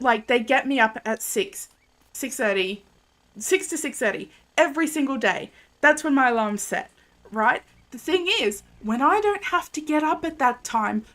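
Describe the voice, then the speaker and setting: Slow-talking young woman streamer. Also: high voice, fairly bright tone. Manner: chatty, rambling, many fillers and laughs. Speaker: game streamer chatting with viewers. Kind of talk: casual live-stream chat.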